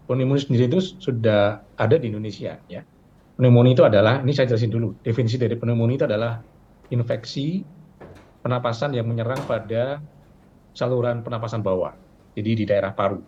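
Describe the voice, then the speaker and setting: A man's voice: mid-range voice, steady tone, brisk, dark tone. A middle-aged man, a health official, explaining patiently in a broadcast interview, with fillers and rhetorical questions. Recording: dull lo-fi sound with faint noise.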